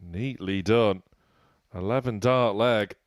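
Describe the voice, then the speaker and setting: A man's voice: lowish voice, slow, no echo, studio quality. A man giving live darts commentary as the lead commentator, with polished, wordy phrasing.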